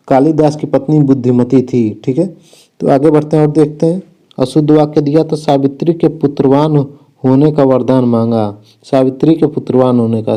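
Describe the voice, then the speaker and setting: Man going thru spelling fixes for an exam, deep dark mellow voice, keeps saying theek hai. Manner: repeats "theek hai" after each point, with self-corrections. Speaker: exam coach. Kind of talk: spelling lesson walkthrough.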